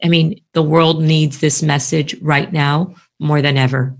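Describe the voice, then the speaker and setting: Low-voiced candid woman podcast guest. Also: steady tone, unhurried. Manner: warm, reflective and candid. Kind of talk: casual podcast conversation.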